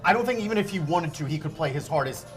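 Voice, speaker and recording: A man co-hosting a live sports talk show, speaking in a quick, measured, reasonable way. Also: on the high side, animated. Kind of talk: casual sports debate.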